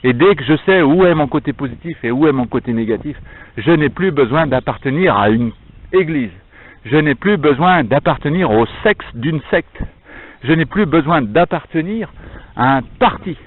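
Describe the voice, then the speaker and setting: A man with a fairly high, animated voice talks at a normal speed, filming himself as a vlogger on a visit. His improvised, emphatic monologue to viewers repeats phrases and echoes around a stone arcade, and the sound is dull and narrow.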